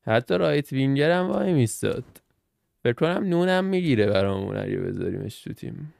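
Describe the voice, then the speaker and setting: A young man gives casual, slangy commentary on a football game, reacting to cards as he opens them. His voice is gravelly yet smooth, and the sound is dry and close to the mic. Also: mid-range voice, sing-song, darkish tone, no echo. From Iran. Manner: chatty, slangy, thinks aloud while reacting to game cards. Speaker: gaming channel host.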